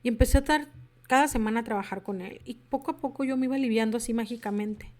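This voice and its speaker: Confessional woman, fairly high voice. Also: fast, darkish tone. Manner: confessional, acts out remembered dialogue. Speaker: workshop speaker sharing her story. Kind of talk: personal testimony to an audience.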